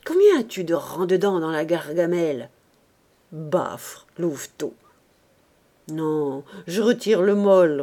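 A woman reading aloud, voicing a gruff, grumbling old male vagabond who rants and hurls grand insults. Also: mid-range voice, a little mellow. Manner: blustering, ranting, grandly insulting. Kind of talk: audiobook character reading.

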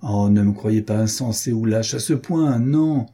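A man voicing a jealous, passionate noblewoman in an audiobook reading, raising his pitch as she pleads and rages. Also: unhurried, mellow, breathy edge. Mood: reproachful. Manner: pleading then bitter, vengeful. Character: jealous, passionate noblewoman scorned by her lover.

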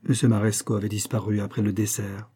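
A man reading a literary novel aloud as an audiobook narrator, in a measured, even storytelling manner. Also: fairly low pitch, slightly rough.

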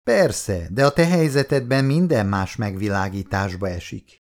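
A man's voice: on the low side, natural voice. A man voicing a confident, flirtatious woman who speaks firmly and teasingly in an audiobook story. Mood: earnest. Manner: firm and teasing.

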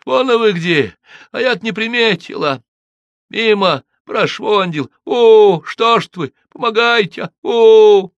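A man's voice: high-pitched, animated, normal speed, creaky, fairly bright tone, no room sound, muffled recording, voice pushed up, full character voice. A man voicing a tearful young peasant girl who talks in wailing village speech.

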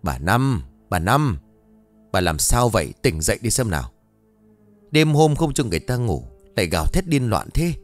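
A man's voice: on the low side, big pitch swings, moderate pace, faint music behind. A man voicing an irritated older village husband who scolds and grumbles at his wife.

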